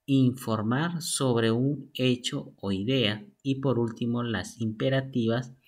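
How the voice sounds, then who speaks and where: A man teaching a lesson from slides, methodical and reading examples aloud. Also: medium pitch. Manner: slow, methodical, reads out examples. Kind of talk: slide lesson on sentence types.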